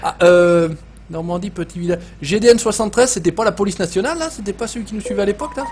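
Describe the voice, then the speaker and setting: A man's voice: high voice, animated, quick pace, darkish tone, a little hiss or hum. A man with a Savoyard French accent hosting a casual live gaming stream, swearing often, joking and reading chat messages aloud.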